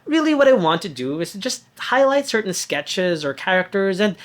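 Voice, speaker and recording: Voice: mid-range voice, very animated, normal speed. A narrator reading a scripted video essay in a conversational tone with wry asides.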